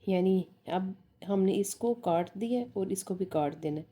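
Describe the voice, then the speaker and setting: A woman's voice: medium pitch, a little slow, dark tone. A woman teaching a beginner Italian lesson, spelling out and repeating words. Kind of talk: slow language lesson.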